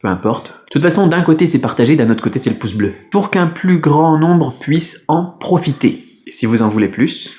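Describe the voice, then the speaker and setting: A man's voice: on the high side, lively intonation, darkish tone. Patient French man teaching Mandarin. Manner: patient, repeats sounds slowly and clearly. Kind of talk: video lesson.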